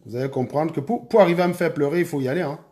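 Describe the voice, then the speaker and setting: A man's voice: fairly high pitch, racing, warm tone. A man hosting a live stream, chatting casually and repeatedly urging his viewers to hurry. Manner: urgent, repetitive urging of viewers.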